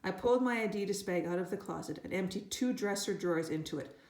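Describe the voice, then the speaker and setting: Woman reading a children's book out loud, mid pitch, echoey room. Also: fast talker. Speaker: reader. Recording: roomy echo.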